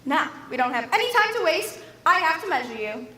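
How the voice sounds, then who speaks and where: A woman's voice: high-pitched, very animated, brisk, pushed and bright, heavily acted. A young woman acting a bossy, scatterbrained fairy who lives in a mirror, in a school stage play. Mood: brisk. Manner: bossy, theatrical. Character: brisk, vain, scatterbrained female fairy in a mirror. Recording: roomy stage hall with music.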